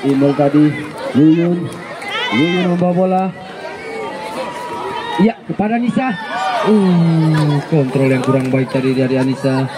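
A man gives live futsal commentary in an excitable way, shouting drawn-out names and goal calls. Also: on the high side. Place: outdoor village futsal court. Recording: noisy outdoor court, crowd behind. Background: spectator crowd noise.

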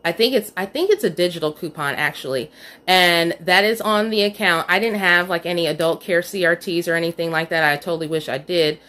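A woman's voice: lowish voice, fairly quick, a bit bright. A woman casually walking through her store haul on a phone camera at home, chatty and a little self-scolding. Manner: chatty, self-scolding about a missed coupon. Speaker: couponing vlogger. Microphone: phone camera, off screen.

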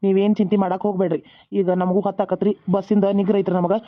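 A man voicing the village men, a son-in-law and a father, in a homemade cartoon, speaking rapid, earnest North Karnataka Kannada. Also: sits high, level tone, close to an everyday voice. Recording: tinny phone-like recording.

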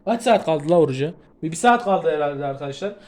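A man giving gameplay commentary, excitable and prone to panicked shouting, tired from fasting, with a sore throat. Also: on the high side. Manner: excitable, shouts and yelps in panic, then drops to muttering. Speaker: gaming video creator.

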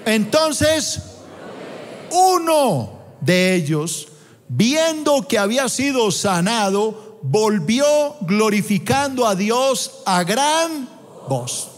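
A man delivers an emphatic sermon at an unhurried pace. His voice sits high, and he stops to let the congregation supply the next word. A long reverb from the church auditorium trails behind every phrase. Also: big pitch swings. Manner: emphatic, asks the congregation to fill in words. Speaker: preacher.

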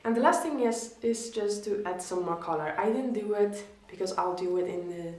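A woman in her twenties with a Polish accent, an art YouTuber, reviews viewer drawings while talking casually to camera against a plain wall in a small, echoey indoor room. Her medium-pitched, darkish voice moves at normal speed, and her chatty, encouraging critiques lean hard on the word "really."

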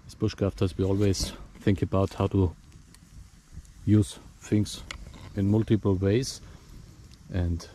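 A bushcraft instructor, a native German speaker with a German accent, explains a camp stove step by step in a forest for an outdoor demonstration vlog. His low, warm voice is flat and slow with frequent pauses, his phrasing plain and simple, and there's a little hiss or hum.

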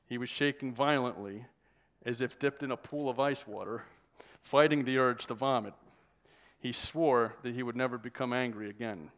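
A man, the author, reading a passage from his novel aloud at a measured pace. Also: medium pitch, fairly bright tone.

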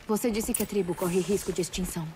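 An actress playing a searching, determined young outcast huntress in a video game, questioning and intense. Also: female voice, medium pitch, fast, background noise, lightly acted.

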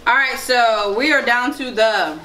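A woman hosting a casual food review, chatty and lively, laughing often. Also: a little high, measured pace, roomy sound, a little hiss or hum. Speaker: food vlogger host.

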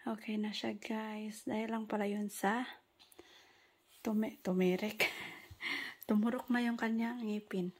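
A woman's voice: mid-range voice, little pitch movement, slow, long pauses. A young mother chatting casually to her viewers, mixing in English. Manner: chatty, talks to viewers as "guys", mixes English in. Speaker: mother vlogging about her baby. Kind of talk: casual home vlog. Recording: clear background noise.

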